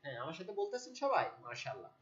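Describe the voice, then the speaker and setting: Brief: reading teacher, lively up-and-down delivery, patient call-and-response drills, dull lo-fi recording. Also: mid-range voice, quick pace. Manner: patient, repetitive, drills each sound aloud and checks the learners.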